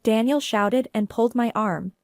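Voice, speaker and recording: High, dry-voiced woman narrating a story. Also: normal speed, no room sound. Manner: steady, earnest storytelling. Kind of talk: first-person story narration.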